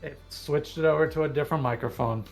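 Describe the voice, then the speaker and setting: A man's voice: a little high, fast talker, gravelly, a little mellow, faint music behind. A man on a gaming livestream's voice chat, talkatively explaining game mechanics step by step in casual chat. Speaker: guest co-player on a livestream.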